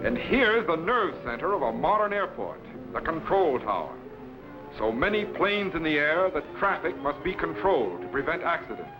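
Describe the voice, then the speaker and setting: An actor playing an authoritative, courteous time-traveling captain who lectures formally in the declamatory style of a 1950s TV sci-fi serial. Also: male voice, a little high, big pitch swings, moderate pace, over music. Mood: proud, instructive. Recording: dull, lo-fi vintage broadcast recording.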